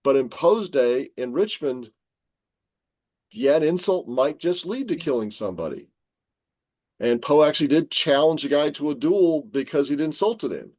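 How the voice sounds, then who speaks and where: A man's voice: on the high side, animated, moderate pace, darkish tone, no room sound. Guy explaining history on a podcast, tells it like a story, dead dry sound. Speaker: guest scholar. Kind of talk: podcast interview.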